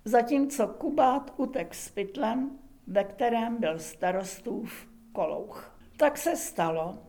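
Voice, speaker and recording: A woman narrating a humorous folk tale in a lively, expressive reading with dramatic pauses. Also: on the high side. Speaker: storyteller.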